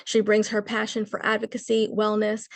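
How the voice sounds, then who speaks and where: A woman's voice: medium pitch, monotone, moderate pace, creaky, dry recording. A woman hosting an online panel, formally reading out a guest's introduction. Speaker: host.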